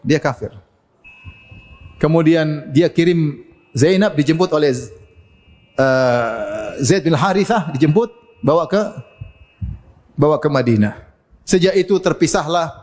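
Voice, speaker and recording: A man's voice: on the high side, lively intonation, a little slow, long pauses, a little mellow, in a large hall. A man preaching a sermon, telling stories with humor and acting out the people he quotes. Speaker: Islamic preacher.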